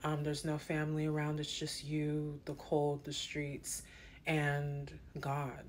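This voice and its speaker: A young woman telling a personal story in a casual, animated way, with many fillers. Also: deep voice, slow pace, a little hiss or hum.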